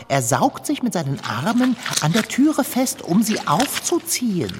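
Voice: mid-range voice, very animated, a little slow. Jemand spricht Long John, einen hochtrabenden Kater. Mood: bossy. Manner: lofty, old-fashioned wording; bossy, lecturing. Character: pompous know-it-all tomcat sailor, male. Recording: long reverb with clear noise.

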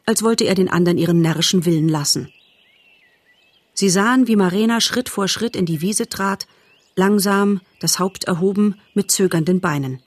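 A woman reading a storybook aloud as narrator, calm and measured. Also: fairly low pitch, no room sound. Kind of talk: audiobook narration.

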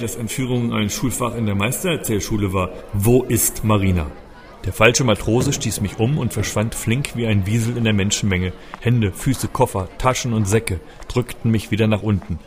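Low-voiced male audiobook narrator. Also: a little hiss or hum. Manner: expressive, urgent storytelling. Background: faint music.

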